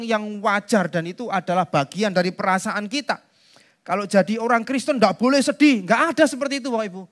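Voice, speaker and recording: A man's voice: extremely high pitch, a bit bright. A man preaching to his congregation. He talks in a loose, conversational way, speaks to them directly and drops in asides. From Indonesia. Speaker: pastor. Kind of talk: sermon.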